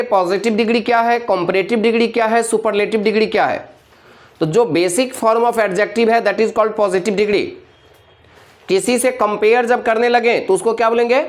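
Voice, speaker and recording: A male teacher giving a classroom grammar lecture, constantly quizzing his students with call-and-response questions. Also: high-pitched.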